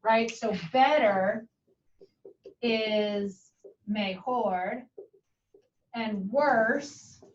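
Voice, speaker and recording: Woman teacher, slow-paced, fairly high voice, chatty and encouraging, muffled distant classroom recording. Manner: chatty, encouraging, mixes Spanish and English. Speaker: Spanish teacher. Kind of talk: classroom lesson.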